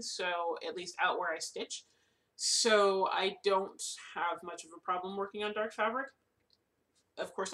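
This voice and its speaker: Chatty and meandering, a woman shows off her cross-stitch supplies in a casual vlog, restarting often, using lots of fillers and hiccuping now and then. She has a medium-pitched, slightly bright voice picked up by a distant mic.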